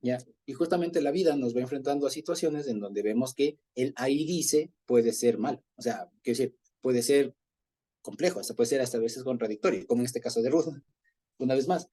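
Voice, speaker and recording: A man's voice: medium pitch, warm tone. A man with an Ecuadorian accent teaching an informal Bible study, talking conversationally, chuckling often and checking in with his listeners. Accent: Ecuadorian Spanish.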